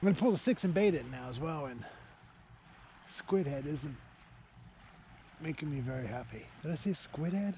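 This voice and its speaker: This man in his forties is an angling vlogger, talking to camera as he fishes at night on a beach near a small shelter, his commentary casual, enthusiastic and matey. His voice is a little high with a dark tone, animated and at normal speed, with frequent pauses. Clearly noisy outdoor sound fills the recording.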